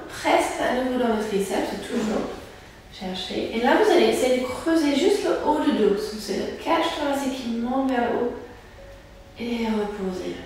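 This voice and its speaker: Pilates teacher lady, calm breath cues, kinda high voice, super echoey room from far off. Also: a little hiss or hum. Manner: calm step-by-step cueing of breath and movement. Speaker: Pilates instructor. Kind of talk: guided exercise class.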